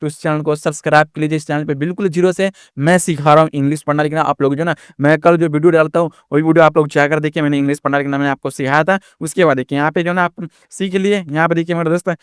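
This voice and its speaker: Fast-talking man teaching a lesson. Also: fairly high pitch, steady tone, smooth, dry recording, studio quality. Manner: repetitive, constantly asks rhetorical questions. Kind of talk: screen-recorded lesson.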